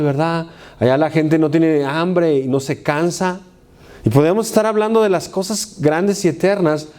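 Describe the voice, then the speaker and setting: A male pastor delivers a sermon, having the congregation repeat key words back to him. His voice sits fairly high but sounds warm and mellow. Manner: call-and-response preaching, repeating key words. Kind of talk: sermon with prayer.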